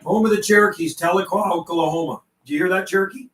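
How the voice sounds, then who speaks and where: A high-pitched, fairly bright-toned man talks quickly while hosting a CB radio livestream. He uses slang in casual chat and repeats and passes along messages between operators. The microphone is distant and the room sounds roomy.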